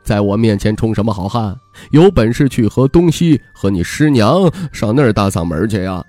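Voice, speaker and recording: A man doing a sly middle-aged monk, low drawl. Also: animated, warm tone, no echo, soft background music. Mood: mock-stern. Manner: slow, lazy, mock-serious drawl.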